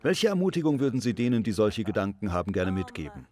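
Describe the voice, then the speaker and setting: A man's voice: on the low side, very animated, fast talker, a little mellow. A man hosting a faith talk show, introducing and interviewing a guest in an upbeat, encouraging way.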